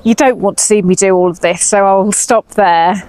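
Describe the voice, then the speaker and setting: A woman's voice: mid-range voice, fairly even intonation, normal speed, darkish tone, rough recording. A woman in her fifties with an English accent, chatting casually to camera on a lapel mic while pruning in her garden, a little anxious. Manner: chatty, slightly anxious, talks while working. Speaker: vlogger. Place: outdoor cottage garden.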